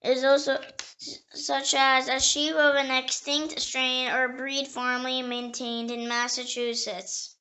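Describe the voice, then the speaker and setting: High-voiced woman reading dictionary entries slowly. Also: flat delivery, bright, forceful tone. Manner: slow, careful reading, spelling words letter by letter, with small slips and restarts. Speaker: dictionary reader.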